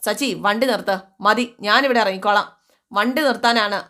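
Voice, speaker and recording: A woman voicing an indignant young husband who shouts in wounded pride. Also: mid-range voice, normal speed, close to an everyday voice. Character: angry proud young husband.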